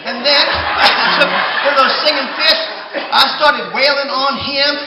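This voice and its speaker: A man telling a comic tall tale on stage, with punchy delivery and loud outbursts. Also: extremely high pitch, measured pace, over loud music, a loud crowd. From southeastern United States. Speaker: professional storyteller. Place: stage at a live storytelling contest. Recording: distant, dull, noisy hall recording.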